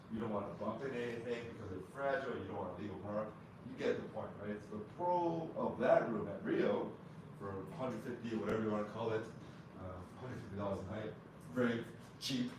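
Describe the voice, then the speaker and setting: A man's voice: lowish voice, far from the mic. A man hosting a casual livestream from a hotel suite, talking in a rambling, chatty way and often correcting himself. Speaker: vlog host. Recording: echoey room, off-mic, background noise.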